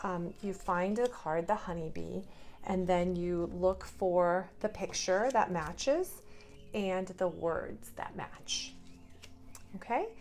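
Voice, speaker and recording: A woman preschool teacher sits at a table indoors, drawing on paper cards as she gives young children a hands-on lesson in simple words and asks them easy questions. Her voice is fairly low and a little mellow, and she speaks slowly. A slight hiss or hum can be heard.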